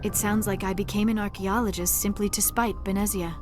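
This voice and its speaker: With music behind her, an actress plays a shy, earnest young female alien archaeologist in a video game, speaking with precise, formal diction and social awkwardness. Her natural, medium-pitched voice is fairly quick with fairly even intonation, and the mood is modest and reflective.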